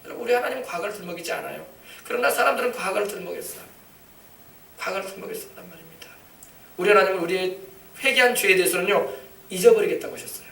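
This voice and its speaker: Male pastor, quick emphatic sermon, echoey church, distant mic. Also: sits high, gravelly, a bit bright. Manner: emphatic, repetitive preaching with congregation responses. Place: church sanctuary.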